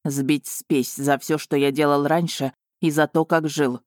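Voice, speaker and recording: A woman voicing a proud, brooding male dragon lord who speaks in a cool, measured, slightly mocking way. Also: deep voice, little pitch movement, darkish tone, no echo, studio quality. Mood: calm.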